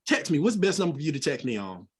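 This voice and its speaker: A middle-aged man leading an energetic sales training over a video call, animated and folksy, with plenty of casual asides. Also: on the high side, very fast, husky.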